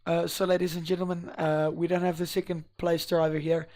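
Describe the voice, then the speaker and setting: A man with a wheezy, strained voice, hosting live esports race interviews and commentary in a hesitant, halting way. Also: a little high, little pitch movement, a little mellow.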